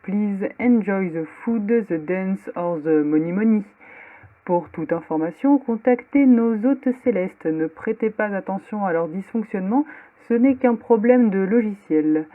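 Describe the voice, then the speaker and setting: A woman playing a pilot's cockpit-headset announcement, delivered in a deadpan captain's voice. The sound is narrow and phone-like, as if it comes through the aircraft's tinny speaker system. Her pitch sits in the middle of the range, and she switches between French and clumsy English. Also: unhurried. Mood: deadpan announcing. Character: mock airline captain making cabin announcements. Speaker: podcast co-host giving the episode recap. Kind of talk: comic scripted recap.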